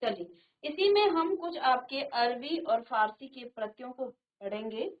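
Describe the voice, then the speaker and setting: Woman teacher, middle-aged, slow and repetitive classroom delivery, muffled studio recording. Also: high-pitched, expressive. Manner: slow, repeats each word and asks the class. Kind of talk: classroom lesson.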